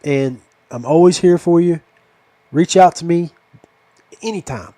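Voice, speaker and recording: A podcast host, middle-aged or older, wraps up a fishing podcast interview with a casual chat. His slightly higher-pitched voice is relaxed and mellow, a little slow, with no echo, and his manner is folksy, affectionate, and rambling.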